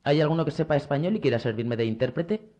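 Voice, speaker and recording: A man voicing a commanding, shrewd middle-aged prince with a brisk, authoritative manner. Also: a little high, animated, warm tone, voice pushed up, lightly acted.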